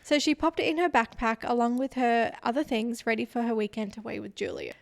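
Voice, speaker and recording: A woman with a fairly high voice tells a true crime story on a podcast. Her narration is relaxed and chatty, and she breaks off now and then to tease her co-host. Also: brisk, creaky, no room sound, studio quality. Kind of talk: casual storytelling chat.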